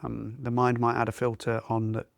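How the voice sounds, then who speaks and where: A male mindfulness teacher in easygoing conversation. He gropes a little for words as he explains. His voice is average in pitch, and the sound is dry and close. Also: monotone, normal speed, creaky, no echo. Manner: thoughtful, searching for words. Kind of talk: conversational discussion.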